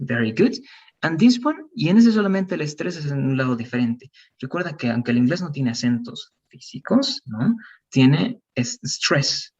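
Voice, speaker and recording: A man's voice: medium pitch, a little mellow, breathy edge, recorded from a distance, muffled recording. A man teaching an English pronunciation lesson, patient and encouraging, mixing Spanish explanations with English examples.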